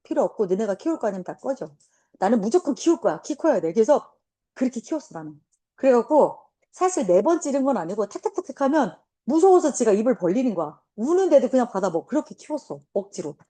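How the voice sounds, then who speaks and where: A woman teacher in her forties telling a class a blunt, animated story, swearing now and then. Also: a little high, quick pace. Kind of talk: casual classroom talk.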